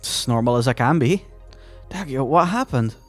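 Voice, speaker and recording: A man voices an earnest young detective, anxious and quick to fluster. His pitch jumps around a lot, in a visual novel read-along. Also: animated, soft background music, lightly acted. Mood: concerned. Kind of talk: amateur visual novel voice reading.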